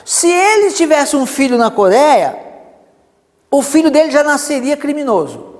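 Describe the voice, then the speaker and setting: Animated Brazilian male preacher. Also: very high-pitched, moderate pace, long reverb tail. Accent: Brazilian Portuguese. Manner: animated storytelling with many asides. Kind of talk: sermon.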